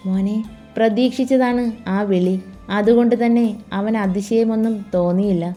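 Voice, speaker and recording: A woman storyteller giving a soft, expressive reading of a romantic novel. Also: a little high, moderate pace. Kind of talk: scripted audiobook narration. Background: faint music.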